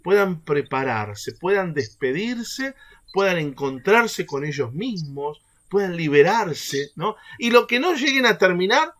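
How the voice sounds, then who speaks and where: Lively man leading a faith workshop. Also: sits high, a little slow. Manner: animated, keeps checking in with the group through rhetorical questions. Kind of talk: teaching a catechesis workshop.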